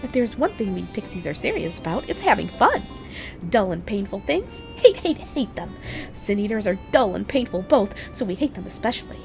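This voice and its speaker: A woman's voice: sing-song, normal speed, vocal fry, a little mellow, soft background music. A woman voicing a playful, mischievous female pixie from a fantasy game, with an airy, theatrical and lofty manner toward mortals. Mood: playful, teasing. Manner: airy, theatrical, addresses listeners as lowly mortals.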